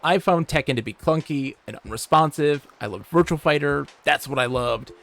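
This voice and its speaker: A man from Michigan, livestreaming, who tells animated, swear-laced stories and reads chat aloud. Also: on the high side, moderate pace. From Michigan, USA. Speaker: streamer. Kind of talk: casual storytelling while livestreaming a game.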